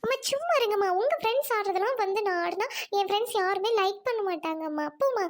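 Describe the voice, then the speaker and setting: A woman's voice: extremely high pitch, lively intonation, quick pace, a little hiss or hum. A woman voicing a sulky teenage daughter who whines and complains to her mother, in a comic family skit. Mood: whiny. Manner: whining and complaining. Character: teenage schoolgirl, whiny and sulky elder daughter.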